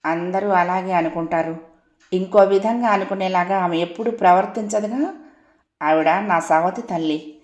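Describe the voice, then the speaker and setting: A woman reading a sad, soft-spoken young woman. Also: on the low side, highs cut off, natural voice. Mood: subdued. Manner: slow, grave and soft-spoken. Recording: roomy echo.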